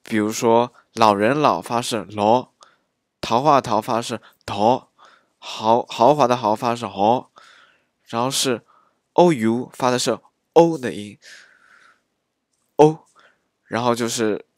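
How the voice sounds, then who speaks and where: A man teaching dialect pronunciation, speaking slowly with frequent pauses and filler sounds. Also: mid-range voice, no room sound, clean studio sound. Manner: slow, halting, many filler sounds. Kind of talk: pronunciation lesson.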